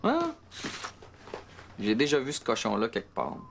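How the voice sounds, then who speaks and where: A woman's voice: extremely low pitch, wildly swooping pitch, measured pace, gravelly, slight background noise, full character voice. A woman voicing a goofy, boastful boy in a cartoon, playful and laughing. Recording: music in background.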